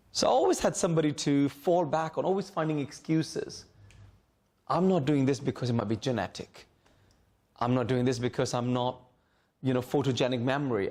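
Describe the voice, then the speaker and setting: A man's voice: mid-range voice, a little mellow. A middle-aged man from Hong Kong, a former student, speaking informally to students while seated in a school library and often repeating words as he searches for the phrasing. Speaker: alumnus guest speaker.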